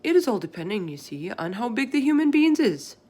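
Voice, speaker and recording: Storybook friendly giant, played by a woman: earnest, excitable, emphatic, tumbling through garbled folksy speech. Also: a little high, fairly quick, voice pushed up. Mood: emphatic explaining. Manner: emphatic, garbled folksy grammar with made-up words.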